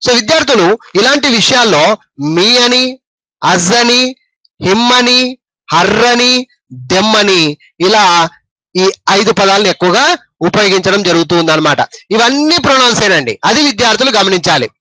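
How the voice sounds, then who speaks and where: High, bright-voiced teacher with a Telugu accent. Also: male voice, expressive, no echo, low-quality recording. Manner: explains slowly, repeats words and quizzes the listeners. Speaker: spoken English teacher. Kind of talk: classroom grammar lesson.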